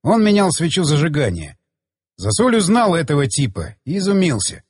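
A man narrating an audiobook with expressive storytelling. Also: fairly high pitch, normal speed, husky, dry recording, studio quality, in a large hall. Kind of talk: scripted narration.

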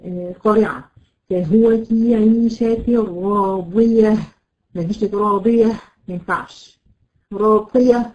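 A woman with an Egyptian Arabic accent teaching Quran recitation, repeating letters slowly to demonstrate and checking on her students by name. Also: mid-range voice, a little mellow, poor audio. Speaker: tajweed teacher. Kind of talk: live online Quran recitation lesson.

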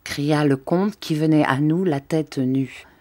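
Low-voiced woman narrating a classic novel. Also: takes it slowly, darkish tone. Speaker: audiobook narrator. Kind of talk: literary audiobook narration.

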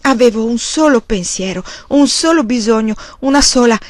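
A woman's voice: on the high side, lively intonation, normal speed, dry recording. Dry-voiced woman reading a novel aloud. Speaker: audiobook reader. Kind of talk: literary narration.

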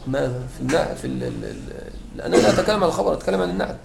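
A man's voice: a little high, wildly swooping pitch, rapid-fire, vocal fry, crowd noise. A man teaching grammar to a class, explaining with repeated examples and often asking the students whether they follow. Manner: explains with repeated examples and checks understanding with questions. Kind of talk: classroom lecture. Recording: echoey classroom sound.

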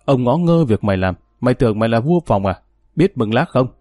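A man's voice: medium pitch, animated, a little fast, mellow, no room sound, clean studio sound, faint music behind, natural voice. A man reading an audiobook, voicing a tough, menacing male gang leader who talks in harsh threats.

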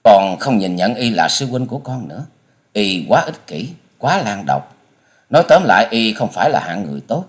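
A man voicing a young female martial artist, tearful and shrill as she cries out in grief and anger. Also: sing-song, moderate pace. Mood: defiant.

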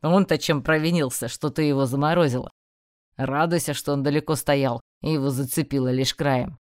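A woman voicing a self-assured, mocking male magister in an audiobook, teasing and sharp. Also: deep voice, fairly even intonation, a little fast, no room sound, clean studio sound, lightly acted. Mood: amused.

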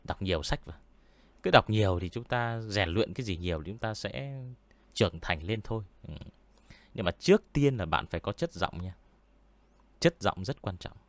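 A man with a deep voice, hosting a story-reading channel and chatting casually with viewers, unhurried and full of hesitant fillers. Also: expressive, no room sound. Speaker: horror story reader and channel host. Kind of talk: casual livestream chat answering viewers. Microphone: studio mic with pop filter.

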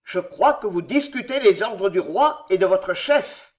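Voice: medium pitch, expressive, measured pace, close to an everyday voice. A reader voicing a stern old male army commander who gives orders and thunders with wrath, in an audiobook reading. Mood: furious. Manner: commanding, thundering when angered.

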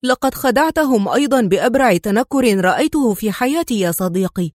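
A woman narrator raises her pitch to play a loyal male friend, earnest and heated, his lines pushed a bit louder. The sound is dry and close. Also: animated, fairly quick, no room sound, natural voice.

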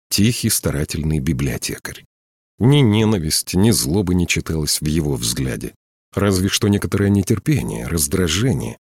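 A man narrating an audiobook in a measured, even storytelling manner. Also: deep voice, husky, no echo, clean studio sound.

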